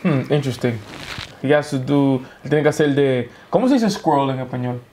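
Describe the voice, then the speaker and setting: A man in his thirties co-hosting a reaction show in casual chat, playfully boasting with drawn-out hype lines, on an indoor studio set. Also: medium pitch, a little mellow, a little hiss or hum. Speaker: co-host.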